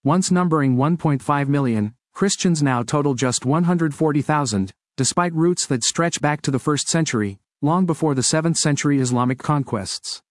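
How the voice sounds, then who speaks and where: A man giving a steady, measured scripted narration of a news report. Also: a little high, no room sound, studio quality.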